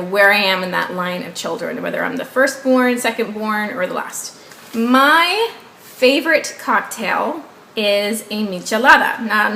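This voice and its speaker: A woman in her twenties, a beauty vlogger from the Southern US whose first language isn't English, speaks with a Southern accent in a medium-pitched, slightly bright voice. She rambles cheerfully and casually to viewers, often asking them to guess. The room echoes and there's faint background noise.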